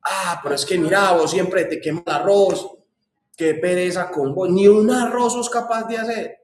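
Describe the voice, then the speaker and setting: A man voicing an exasperated wife who scolds her husband in a high, sharp voice, in an echoey classroom. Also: moderate pace, natural voice. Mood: scolding.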